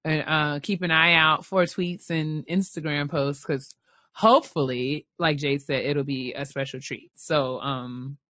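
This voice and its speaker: A woman co-hosting a casual podcast, talking in an animated way and repeating phrases as she builds a point. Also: low voice, measured pace, dry recording, lo-fi sound. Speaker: podcast co-host.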